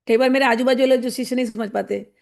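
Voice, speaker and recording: A woman spiritual teacher giving a devotional discourse, wry and animated, who acts out the people she describes. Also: a little high, fast, vocal fry. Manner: wry, mocking.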